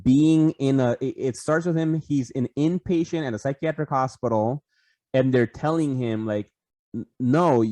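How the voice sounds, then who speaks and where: A man's voice: mid-range voice, normal speed, mellow, no room sound. A man co-hosting a casual podcast over a video call, rambling with lots of restarts, fillers and swearing. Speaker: podcast co-host.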